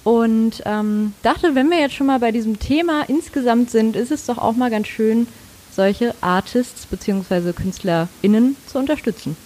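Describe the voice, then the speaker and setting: A woman's voice: a little high, moderate pace, mellow. A woman co-hosting a podcast who talks earnestly and reflectively in a casual chat. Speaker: podcast co-host.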